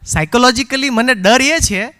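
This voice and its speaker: A middle-aged man giving a parenting seminar talk, an animated storyteller who acts out quotes and slips English phrases into his speech. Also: extremely high pitch, normal speed, smooth.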